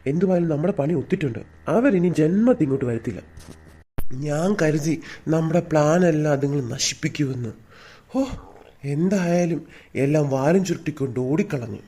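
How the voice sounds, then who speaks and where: A man's voice: on the high side, expressive, normal speed, mellow, breathy edge. A man playing a smug, scheming thief in a comic family skit. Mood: gloating. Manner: smug, gloating. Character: gloating scheming male thief, adult.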